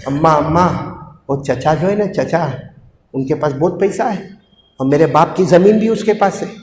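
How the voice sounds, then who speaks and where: A man's voice: on the high side, moderate pace, darkish tone, slight background noise, pitched below the performer's own voice, natural voice. A man preacher voicing a poor eight-year-old boy who pleads and cries, in an echoey hall. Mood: pleading. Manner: tearful, begging.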